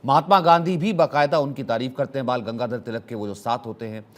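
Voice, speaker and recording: A man's voice: medium pitch, quick pace. A man anchoring a TV news debate, firm and cutting in to keep order.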